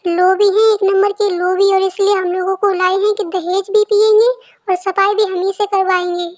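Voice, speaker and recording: A woman's voice: extremely high pitch, flat delivery, moderate pace. A woman voicing a scornful young city daughter-in-law. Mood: sneering. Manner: scornful, sneering. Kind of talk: cartoon voice-over.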